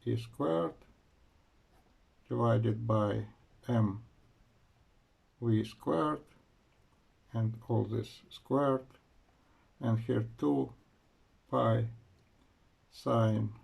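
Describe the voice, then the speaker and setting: Slow gravelly man lecturing physics. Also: medium pitch, darkish tone. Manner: slow, halting, frequent "uh" pauses while writing. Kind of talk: university lecture.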